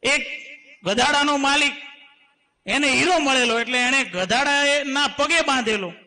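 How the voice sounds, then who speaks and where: A man's voice: extremely high pitch, unhurried, sharp tone. A man giving a devotional sermon at a spiritual gathering, telling folk parables and quoting verses of saint poets in an earnest, exhorting tone. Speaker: spiritual speaker at a satsang.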